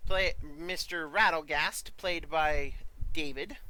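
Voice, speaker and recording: A man's voice: fairly high pitch, slow, sharp tone, no echo, low-quality recording. A man wrapping up an online tabletop game as dungeon master, rambling in a friendly way with many ums and uhs.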